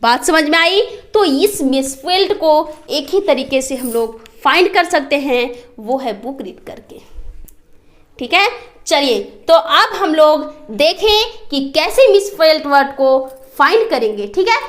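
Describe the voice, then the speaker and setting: Young female teacher with a high-pitched voice; patient classroom explainer who checks understanding after every point. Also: lively intonation. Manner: constantly quizzes students, checks understanding; slow, spelled-out explanations. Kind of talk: classroom lesson.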